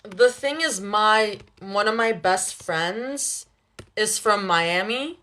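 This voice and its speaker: A young woman hosting a livestream, chatting casually with viewers, laughing often between quick asides. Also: medium pitch, pushed and bright. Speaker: livestream host reading chat. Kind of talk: casual live chat with viewers.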